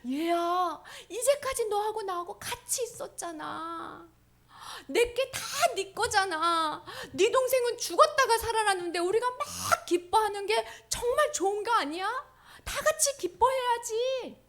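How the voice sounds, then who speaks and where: A woman's voice: high voice, expressive, slow, hardly any pauses, voice pushed up, heavily acted. A woman voicing a loving, joyful father in a children's Bible story, calling out orders and coaxing his son. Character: loving joyful father, older man, warm.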